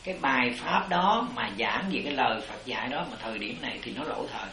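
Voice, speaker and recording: A man speaks as a Buddhist teacher, his tone bright and forward. He explains in loose, repetitive sentences. The room adds a noticeable echo. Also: mid-range voice, animated, fast. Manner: rambling explanations, repeats "it" constantly. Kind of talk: dharma talk answering disciples.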